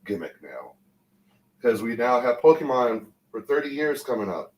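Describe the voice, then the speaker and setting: A man's voice: mid-range voice, big pitch swings, moderate pace. A man chatting casually as a co-host on a livestream. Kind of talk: casual chat about pop culture. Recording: echoey room with faint noise.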